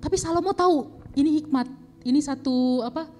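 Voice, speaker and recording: A woman's voice: high voice, brisk. A young woman teaching an online Sunday school lesson, telling a Bible story to children and acting out the characters with gasps and exclamations. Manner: animated, acts out characters' lines with gasps and exclamations.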